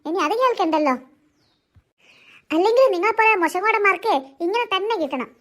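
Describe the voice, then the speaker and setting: A woman's voice: very high voice, lively intonation, a little fast, a bit bright. A woman voicing a bickering, sarcastic housewife in a cartoon. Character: nagging, sharp-tongued cartoon housewife.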